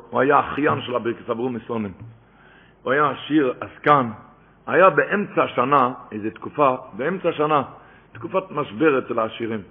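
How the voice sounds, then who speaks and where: Fiery man preaching over a tinny line. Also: vocal fry. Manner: swings between loud cries and low murmurs. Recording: tinny phone-like recording.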